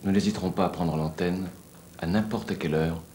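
An actor playing a self-proclaimed master of the world who keeps cracking up with nervous laughter in a comedy sketch. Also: male voice, low voice, steady tone, a little fast, close to an everyday voice. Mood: mock menacing. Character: self-styled master of the world, sunglasses, giggly. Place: indoor studio set. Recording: echoey room, noisy tape.

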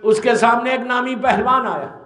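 A male preacher with a very high voice delivers an impassioned sermon to a gathering, slipping English words into his speech. The sound rings around an echoey hall. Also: bright, forceful tone.

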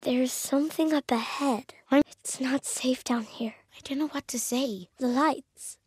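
Young Aloy, high-pitched curious little girl. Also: unhurried, a little mellow, breathy edge, no echo. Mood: shy wonder. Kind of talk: video game voice lines.

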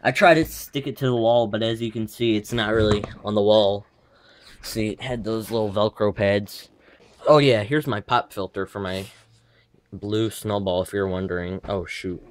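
A man's voice: fairly low pitch, normal speed. Lispy teenage boy rambling casually. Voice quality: slightly lispy from a retainer. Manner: offhand, wandering, self-correcting asides. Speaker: YouTuber showing his gaming setup. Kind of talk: casual rambling room tour. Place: his bedroom, indoors.

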